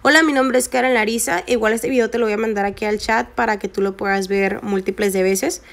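A woman's voice: mid-range voice, steady tone, fairly quick. A woman, chatting through a phone screen tutorial and repeating her points for emphasis. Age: 20s. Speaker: network marketing vlogger. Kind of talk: screen-recorded tutorial narration.

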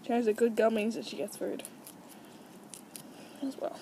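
Teenage girl, high-pitched, casual home tutorial host who coos sing-song commands at her pets. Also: fairly even intonation, moderate pace, dark tone, breathy edge, poor audio. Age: teens. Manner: coaxing sing-song calls to her pets between explanations. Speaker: guinea pig owner demonstrating training. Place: at home beside a guinea pig cage.

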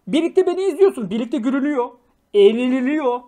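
A man's voice: very high-pitched, animated, a little fast, mellow. A young man hosting a casual livestream, reading viewer messages, swearing freely and flaring into angry rants before apologizing. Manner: slangy, jokey, affectionate with viewers. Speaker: livestream host.

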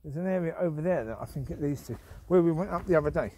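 A man's voice: fairly high pitch, fast talker, dark tone, a little hiss or hum. Rambling man on a countryside walk. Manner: rambling, chatty, with frequent restarts and trailing off. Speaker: vlogger and dog owner. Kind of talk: walk-and-talk vlog. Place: outdoors on a countryside path.

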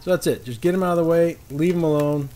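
Speaking fast in a dark tone, this man has a voice on the high side. He's a cooking show host running a casual outdoor demo on a paved patio beside a griddle, giving easygoing, informal instructions in folksy phrasing. Frying and sizzling food can be heard clearly behind him.

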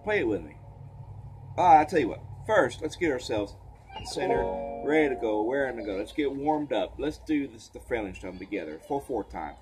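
A man teaching a clawhammer banjo lesson, a little tired, counting beats aloud in a relaxed, casual way. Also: medium pitch, moderate pace, soft background music, low-quality recording. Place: porch. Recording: banjo playing behind.

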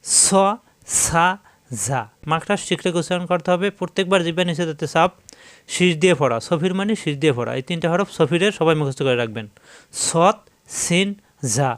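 A man with a Bangladeshi Bengali accent teaches recitation at a patient pace. His voice sits a little high for a man and comes across close and dry. He says each syllable on its own and leans on the hissing sounds. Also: clear, resonant tone, dry recording. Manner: repeats syllables slowly and carefully, stressing the hiss. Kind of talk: slow teaching, drilling letter sounds.

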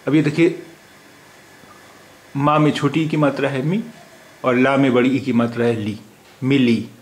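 A man's voice: medium pitch, steady tone, unhurried, echoey room, poor audio. A man teaching a language lesson, patiently spelling out letters and repeating their sounds. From India. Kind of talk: slow spoken lesson.

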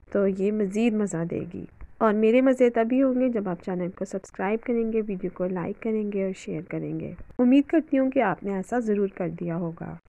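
A woman's voice: mid-range voice, mellow, low-quality recording. A woman hosting a home cooking tutorial, talking in a chatty, homely way over the footage. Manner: chatty, homely, with religious greetings and fillers. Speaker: cooking channel host.

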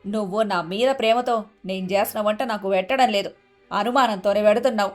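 A blunt, scolding mother-in-law from an animated storybook, played by a woman. She talks in a mid-pitched voice with soft music faintly underneath. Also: a little fast, natural voice. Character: sharp-tongued middle-aged mother-in-law.

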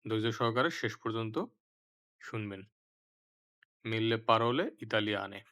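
A man teaching vocabulary, saying each word twice with careful, clear pronunciation. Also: fairly low pitch, steady tone, moderate pace, fairly bright tone. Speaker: language teacher. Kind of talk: slow vocabulary lesson.

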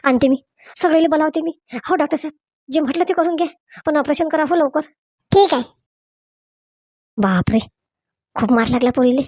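A woman's voice: sits high, moderate pace, pauses often, a little mellow, dry recording, studio quality. A woman performing a village comedy sketch, switching between several characters in rustic dialect.

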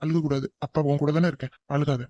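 Man voicing a consoling cartoon father, warm mellow tone, rapid talk, muffled dry recording. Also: on the high side, steady tone, dry recording, lightly acted. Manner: soothing, reassuring. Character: gentle consoling middle-aged father. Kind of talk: cartoon family drama voice acting. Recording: dull, lo-fi dry sound.

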